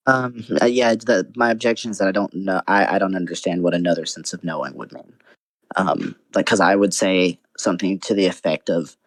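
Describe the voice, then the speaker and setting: In a casual online debate, a young man with a low voice argues a philosophical point, thinking out loud and stumbling through fillers and restarts. He speaks briskly. The sound is dry and close-miked, with no room tone at all.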